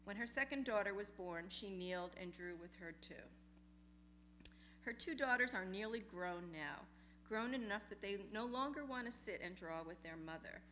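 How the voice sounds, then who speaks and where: A woman reading personal essays aloud in a lecture hall, measured and deliberate, letting phrases linger. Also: mid-range voice, lively intonation, bright, forceful tone, a little hiss or hum. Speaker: essay reader at a memorial reading.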